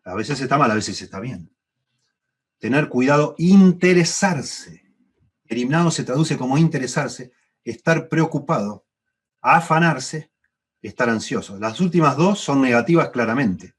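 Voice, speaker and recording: A man's voice: animated, unhurried, breathy edge. A middle-aged man with a Rioplatense Spanish accent teaching a Bible class at church, thoughtful and repeating phrases for emphasis. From Argentina. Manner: thoughtful, repeats phrases for emphasis, rises in pitch when stressing points.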